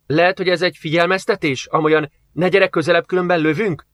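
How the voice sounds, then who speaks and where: A man voicing a stubborn young female lieutenant who speaks briskly and insistently. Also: a little high, steady tone, a bit bright, dry recording, voice pushed up, close to an everyday voice.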